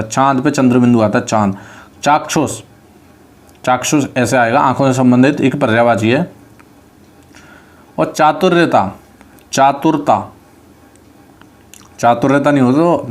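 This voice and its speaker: There's slight background noise as a male teacher with a mid-pitched voice teaches an online exam-prep spelling course. He gives each word first, then explains how it's correctly written.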